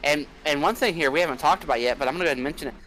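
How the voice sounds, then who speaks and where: A man giving relaxed, chatty color commentary on an online racing broadcast, often using filler words. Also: fairly high pitch, racing, a little hiss or hum, rough recording.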